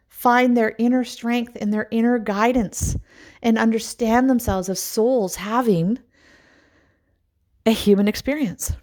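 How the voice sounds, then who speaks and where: A middle-aged woman, a life coach, musing aloud in a rambling personal monologue with sighs and pauses. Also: on the high side, a little mellow.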